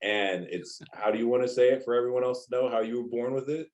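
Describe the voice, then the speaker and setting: A man's voice: medium pitch, fast, darkish tone. Upbeat chatty male interview host. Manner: upbeat, chatty, laughs often. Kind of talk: casual interview hosting.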